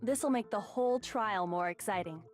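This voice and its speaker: A woman's voice: medium pitch, normal speed, faint music behind, lightly acted. Woman as a cool, composed girl detective. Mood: calm confidence. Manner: calm, confident, cryptic. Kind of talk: dubbed anime game acting.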